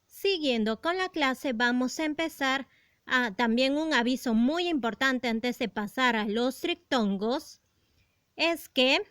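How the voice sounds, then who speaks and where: A woman gives a grammar lesson for young pupils, speaking slowly and deliberately with a smooth, crisp voice. She poses rhetorical questions as she explains. Her voice is fairly high and sounds close and dry, with no room echo. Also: fairly bright tone. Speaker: primary school teacher.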